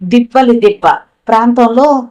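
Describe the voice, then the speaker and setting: A woman's voice: on the high side, moderate pace, mellow, highs cut off, natural voice. A woman voicing a male professor who leads an expedition, in an urgent, commanding manner, as an audiobook character voice. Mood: explaining.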